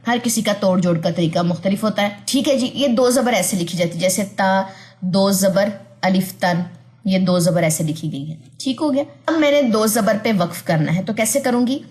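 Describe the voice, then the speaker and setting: A woman teaching an online tajweed lesson in a patient voice. She repeats her points, often checks that students follow, and draws out letter sounds slowly. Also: mid-range voice, lively intonation, a little mellow. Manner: slow, careful drawn-out pronunciation of letter sounds.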